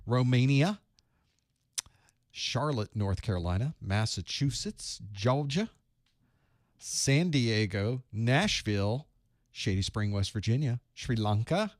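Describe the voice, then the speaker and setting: Chatty male stream host, casual, thinks out loud, dry close sound. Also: on the low side, no room sound. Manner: chatty, greets viewers, thinks aloud while setting up. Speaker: instructor hosting a live study stream. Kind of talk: casual live-stream chat.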